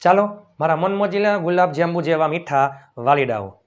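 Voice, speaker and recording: High-voiced man drilling English words. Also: animated, muffled recording. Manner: drills words slowly, then rushes asides; checks in with the viewers. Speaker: English teacher. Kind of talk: spoken English lesson.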